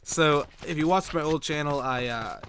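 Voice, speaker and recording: A man with a fairly high voice tells a crude childhood story straight into his home computer mic. He rambles loosely, fills gaps with "like" and profanity, and laughs through his own punchlines. A faint hiss sits under the recording. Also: normal speed, a bit bright. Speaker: gaming YouTuber. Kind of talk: casual storytelling vlog.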